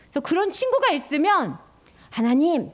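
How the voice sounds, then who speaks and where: A woman minister giving an animated children's sermon, sing-song and sometimes dropping to a whisper. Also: high-pitched, normal speed.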